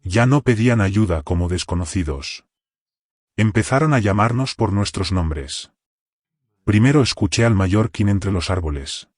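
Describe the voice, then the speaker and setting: A man with a low voice tells a military horror story in the first person. His scripted delivery keeps a tense, controlled edge. The recording is close and dry. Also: animated, measured pace, darkish tone, no room sound. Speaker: narrator.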